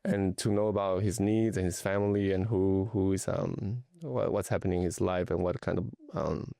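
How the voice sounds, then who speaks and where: A middle-aged Taiwanese man, a luxury travel and lifestyle advisor, talks casually as a guest in a conversational interview. His low, dark, gravelly voice stays steady while he hesitates, using many fillers and restarts. The recording is dry and close, with no room sound.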